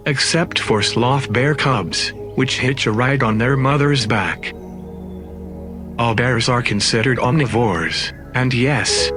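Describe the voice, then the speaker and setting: Male narrator, mid-range voice, scripted nature documentary style, prominent background music. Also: medium pitch. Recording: music under the voice.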